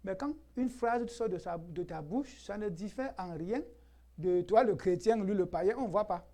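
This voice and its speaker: In church, a high-pitched pastor preaches at a moderate pace, lively and emphatic throughout. He peppers the congregation with rhetorical questions and laughs a lot.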